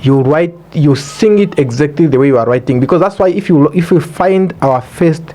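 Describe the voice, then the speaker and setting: Mellow-voiced Namibian man explaining earnestly. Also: on the high side, lively intonation, a little fast, slight background noise. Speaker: podcast guest. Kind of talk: casual explanatory interview talk.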